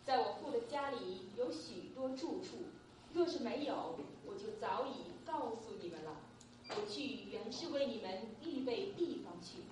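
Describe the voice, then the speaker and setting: 一位女学生在课堂上认真、平稳地朗读经文。. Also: female voice, high voice, slight background noise. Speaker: student reader. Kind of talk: reading scripture aloud. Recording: very echoey room, far from mic.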